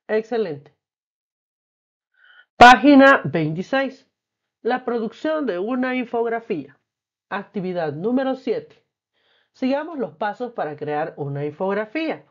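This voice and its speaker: A female teacher walks through textbook exercises in a patient, clear classroom manner, reading the questions aloud and answering them. Her voice sits at an ordinary pitch, and the recording sounds a little dull and muffled. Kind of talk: textbook lesson explanation.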